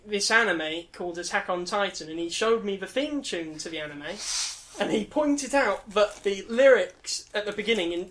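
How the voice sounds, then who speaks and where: A woman's voice: mid-range voice, fairly bright tone, a little hiss or hum. A woman hosting a casual comedy podcast, upbeat and steering the segments. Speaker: podcast host.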